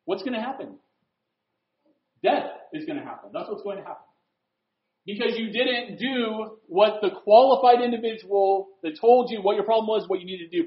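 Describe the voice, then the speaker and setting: In a room with a board, a man with a high voice preaches conversationally, posing rhetorical questions and alternating between loud emphasis and quiet asides. The echoey space comes through in a roomy, dull lo-fi recording.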